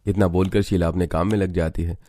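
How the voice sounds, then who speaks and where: Deep-voiced man narrating a cartoon story. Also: a little fast. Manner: even, storytelling delivery.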